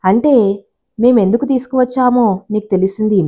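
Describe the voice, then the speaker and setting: Pushy, impatient young men, a woman narrator voicing them in a storybook, mellow tone. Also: fairly high pitch, brisk, lightly acted. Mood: eager.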